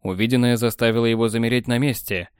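Measured male audiobook narrator, dry sound. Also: mid-range voice, clean tone, no echo. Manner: even, measured storytelling. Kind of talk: scripted narration. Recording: dry close studio sound.

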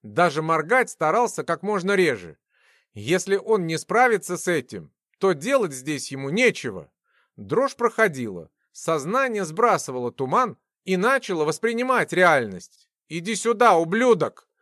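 A man narrating a fantasy novel aloud in an expressive storytelling manner. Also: fairly high pitch, moderate pace, no echo, studio quality. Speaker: audiobook narrator.

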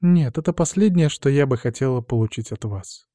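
A man voicing a vengeful young woman who speaks slowly and mockingly, with quiet menace. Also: mid-range voice, expressive, no echo, studio quality, close to an everyday voice. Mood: cold menace.

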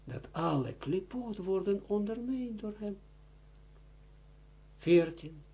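A male rabbi leads a slow text study, reading out Hebrew and Aramaic phrases and explaining each one. His voice sits high for a man but sounds dark and a little husky. He restarts phrases often and keeps urging listeners to pay close attention. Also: lively intonation. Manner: reads Hebrew and Aramaic phrases, then explains them in Dutch; halting, with restarts. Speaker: rabbi teaching Zohar. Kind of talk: line-by-line text study lesson.

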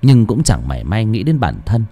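Low, mellow male storyteller. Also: normal speed. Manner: expressive storytelling with wide swings in pitch. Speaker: audiobook narrator. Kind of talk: scripted horror story narration. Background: faint music.

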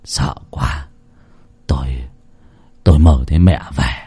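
A man's voice: rumbling low, slow, mellow, husky, voice pushed down, heavily acted. A man playing a stammering, terrified old man. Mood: shaken. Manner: stammering, pleading.

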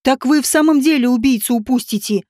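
A woman voicing an angry, impatient man who shouts and curses, reading from a storybook. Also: sits high, fast, no echo, studio quality, close to an everyday voice. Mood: furious.

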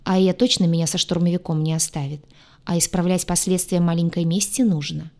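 A woman reading a first-person science fiction audiobook aloud, with a lively, ironic storytelling manner. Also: fairly low pitch, a little fast. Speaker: audiobook narrator.

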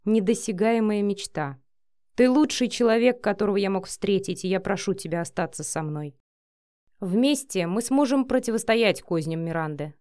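A woman's voice: mid-range voice, moderate pace, darkish tone, no room sound, natural voice. A curt, strained young boss, read by a woman narrator. He speaks tight and clipped, holding himself back. The audiobook sound is close and dry. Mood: pleading. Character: tense young male boss, gruff.

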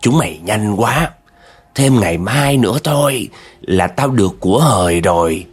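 A man's voice: lowish voice, expressive, normal speed, husky, soft background music. A man voicing a drunken male spirit that possesses a woman, speaking in a slurred, drawling, gloating way.

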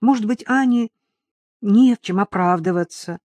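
A woman's voice: medium pitch, normal speed, a little mellow, dry recording, voice pushed up, natural voice. A woman reading aloud, voicing a timid young woman who speaks hesitantly and pleads. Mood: pleading.

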